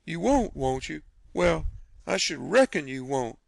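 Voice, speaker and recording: A man voicing an indignant, sharp-tongued middle-aged farm woman who scolds in a shrill, drawn-out way. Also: animated, gravelly, no echo. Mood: scolding.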